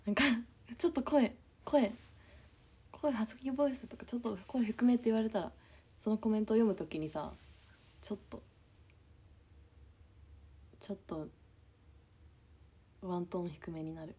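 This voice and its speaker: A young woman chatting casually on a livestream just after waking, with a slightly low, husky voice that often drops to a near-whisper. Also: moderate pace, pauses often, dark tone. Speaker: idol livestreamer reading comments.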